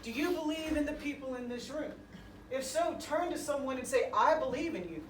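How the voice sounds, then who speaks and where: A woman's voice: sits high, expressive, fairly quick. Emphatic woman giving a pep talk, echoey room. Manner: emphatic, short declarative phrases with repetition. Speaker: motivational pregame speaker to a high school football team. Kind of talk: motivational speech. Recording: roomy echo, distant mic, faint noise.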